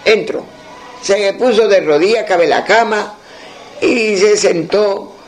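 A man telling a folk tale aloud, in a slow, repetitive, halting way. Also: high voice, poor audio. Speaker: storyteller.

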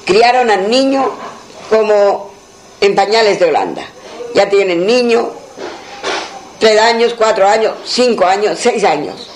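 A man's voice: high-pitched, animated, measured pace, long pauses, a little hiss or hum, low-quality recording. A man telling a folk tale aloud in a plain, repetitive storytelling manner, voicing the characters' lines himself.

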